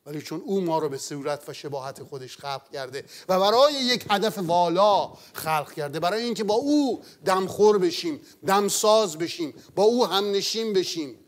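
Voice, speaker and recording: High-voiced man preaching a sermon. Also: lively intonation. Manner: earnest, swells loud then drops to a hush.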